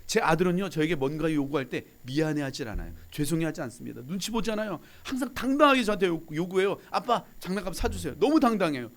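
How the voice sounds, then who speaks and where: Fast-talking, animated pastor. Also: male voice, fairly high pitch. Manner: animated storytelling, quoting his son and congregation in dialogue; joking with the congregation. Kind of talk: revival sermon with anecdotes. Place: church sanctuary.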